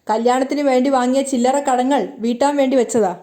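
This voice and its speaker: A woman's voice: sits high, fairly even intonation, quick pace, mellow, close to an everyday voice. A woman reading the lines of a scornful middle-aged woman who accuses a boy of theft, in her own plain voice. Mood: accusing. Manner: read out plainly in the reader's own voice.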